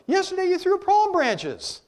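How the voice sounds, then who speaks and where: A man's voice: very high-pitched, huge pitch swings, a little slow, pitched above the performer's own voice, full character voice. A man voicing a vain young male donkey who proudly and crossly demands attention in a sermon story. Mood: indignant. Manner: proud, indignant, shouting demands.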